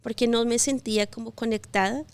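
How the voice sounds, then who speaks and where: There's no room sound as a Colombian woman in her thirties, her voice a little high with fairly even intonation, tells her life story during a personal testimony interview. She reflects gently, with pauses and fillers along the way.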